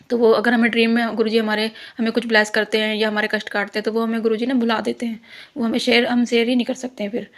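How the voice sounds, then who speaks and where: A young woman giving an earnest devotional testimony, rambling with many restarts. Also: a little high.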